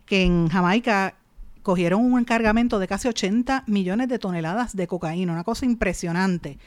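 A woman's voice: medium pitch, a little mellow. A woman host with a Puerto Rican Caribbean Spanish accent, delivering conversational commentary straight to her listeners and often putting rhetorical questions and tag questions to them. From Puerto Rico. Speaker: radio or podcast host and columnist.

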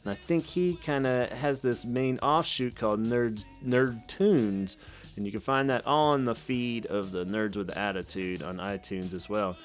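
A man's voice: fairly low pitch, measured pace, faint music behind. A man hosting a podcast, talking loosely and casually with plenty of fillers. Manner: loose and rambling, many fillers. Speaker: podcast host.

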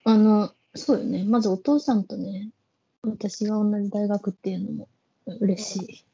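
A young woman talks casually in a mellow, husky voice, chiming in often with short responses. The sound is slightly dull and lo-fi. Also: medium pitch, fairly even intonation, normal speed. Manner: attentive listener, frequent short backchannels. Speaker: podcast co-host. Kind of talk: casual chat.

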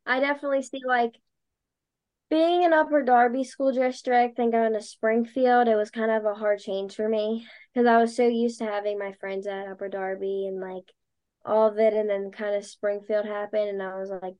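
A loud young woman with a Delco accent from Delaware County, in the Philadelphia area of Pennsylvania, chats casually as an interview guest; she's a dancer and podcaster. Her voice is medium in pitch with a steady tone and moderate pace. She's talkative and says "like" a lot.

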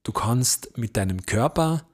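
A man teaching voice technique as an event host, in an emphatic way, slowing down to stress key points. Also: medium pitch, expressive, slightly rough. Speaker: event host and speaking coach. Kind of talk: instructional talk on voice technique.

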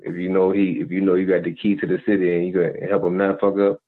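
Deep-voiced man lecturing over a tinny line. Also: flat delivery, fast talker. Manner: preachy, repeats "you feel me". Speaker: podcast co-host. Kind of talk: casual advice monologue. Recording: tinny phone-like audio.

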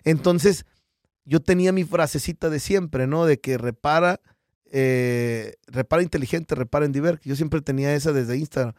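Mexican guy, a bit high voiced, super dry close mic, slangy animated storyteller on a podcast. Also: moderate pace, dry recording. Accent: Mexican Spanish. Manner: animated storyteller who acts out quotes, slangy and profane. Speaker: podcast guest, business founder. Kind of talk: casual podcast chat.

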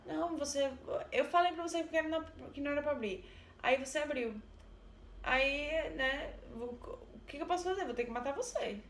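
A woman's voice: high voice, brisk, a little hiss or hum, pitched above the performer's own voice. A woman with a Brazilian accent voicing a cold, murderous husband who scolds and threatens his wife. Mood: threatening. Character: menacing murderous husband, male adult, cold. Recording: roomy echo.

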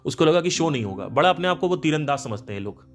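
Slightly high-voiced man telling stories. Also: animated, fast, faint music behind. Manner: emphatic, anecdotal, quotes people in their own voices. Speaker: podcast host and band leader. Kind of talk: casual storytelling monologue.

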